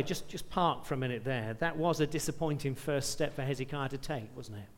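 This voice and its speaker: A man's voice: mid-range voice, long reverb tail. A man preaching a sermon, reading scripture aloud with rising emphasis and asking rhetorical questions.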